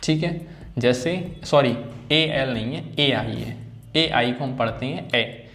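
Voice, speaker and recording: A man's voice: medium pitch, slow, fairly bright tone, faint music behind. A man teaching an English phonics lesson, repeating example words and often checking in with his students.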